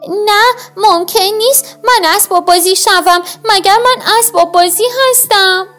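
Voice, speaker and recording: A woman's voice: bright, forceful tone, faint music behind. A woman voicing a tiny, indignant pea boy in a storybook tale, crying out in protest. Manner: shrill protesting cries.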